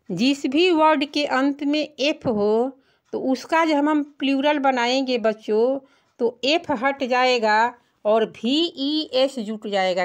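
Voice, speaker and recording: A woman teaching children English singular and plural words, patiently spelling them out letter by letter. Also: high-pitched. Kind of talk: children's English vocabulary lesson.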